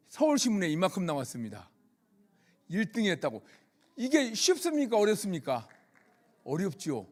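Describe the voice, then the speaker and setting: Animated high-voiced man giving church testimony. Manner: animated storytelling with questions to the audience. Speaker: police chaplain giving testimony.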